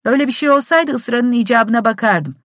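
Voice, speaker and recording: A woman voicing a polite, fussy young gentleman tenant who speaks formally, a little indignant. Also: fairly high pitch, brisk, dry recording, studio quality, voice pushed up.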